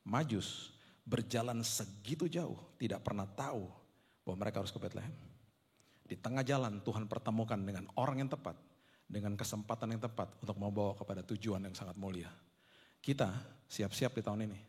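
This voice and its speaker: A man's voice: lowish voice, a little fast, darkish tone, husky. A male pastor preaching a sermon, telling stories with humorous asides to the congregation. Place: church hall. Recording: long hall reverb.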